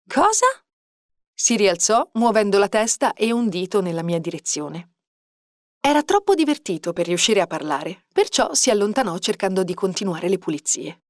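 Female audiobook narrator, expressive lively delivery, dead-dry close mic. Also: mid-range voice, moderate pace, dry recording. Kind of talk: scripted narration.

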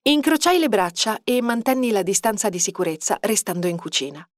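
Female audiobook narrator, expressive lively delivery, dead-dry close mic. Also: mid-range voice, fairly quick, no room sound. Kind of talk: scripted narration.

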